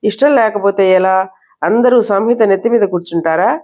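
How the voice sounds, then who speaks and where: A woman's voice: medium pitch, normal speed, darkish tone, close to an everyday voice. A woman reading as a grumbling young man. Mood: irritated. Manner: grumbling, impatient. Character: irritated young man, blunt and practical.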